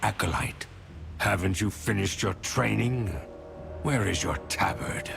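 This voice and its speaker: A low, heavily gravelly undead cult leader from a fantasy game. He speaks with ominous authority through a subtle monstrous filter, with loud music around him. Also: measured pace, full character voice. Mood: stern, ominous. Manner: commanding, ominous. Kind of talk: video game character dialogue.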